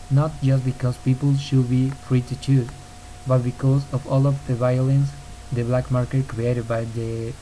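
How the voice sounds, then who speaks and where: A young Ecuadorian podcaster reads his argumentative piece aloud, earnest and steady but slipping and restarting now and then. His voice is mellow and medium-pitched, and the home recording is poor, with a faint hiss.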